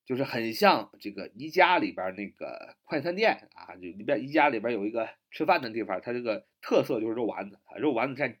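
A man teaching spoken English phrases, explaining them in a chatty way and repeating each phrase slowly. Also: medium pitch. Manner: lively, chatty, asks "是吧" often. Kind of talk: spoken English lesson in Mandarin.

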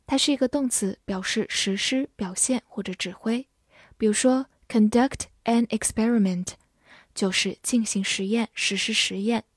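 A woman giving a scripted vocabulary lesson, spelling out letters and repeating each word slowly. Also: on the high side, slightly rough, no echo, studio quality. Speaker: English teacher.

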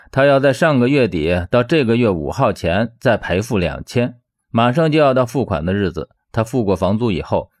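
A man reading a novel aloud as narrator, telling the story expressively. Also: mid-range voice. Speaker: audiobook narrator. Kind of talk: scripted narration.

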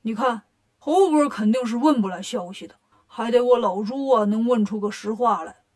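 A woman's voice: fairly high pitch, moderate pace, a little mellow, natural voice. A smug, jealous pig monk, as a woman storyteller puts him on, drawing out his words with pleased self-praise. A bragging storybook figure for children. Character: clumsy boastful pig disciple, jealous.

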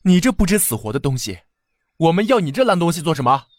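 Angry young master, a man raising his voice, quick and scolding. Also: fairly high pitch, big pitch swings, dry recording, clean studio sound, voice pushed up. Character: hot-tempered young master of a household.

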